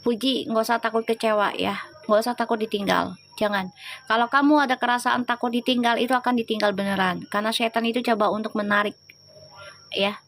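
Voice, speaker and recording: Chatty high-voiced woman. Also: steady tone, a little fast, a bit bright. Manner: chatty, teasing, slangy, switches to prayer. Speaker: tarot reader. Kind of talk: livestream tarot reading and chat with viewers.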